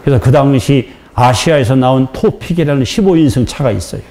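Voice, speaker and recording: Mellow-voiced male pastor preaching a testimony. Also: medium pitch, lively intonation, brisk, a little hiss or hum. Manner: emotional storytelling with acted dialogue, rising to near-shouting. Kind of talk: sermon with personal testimony.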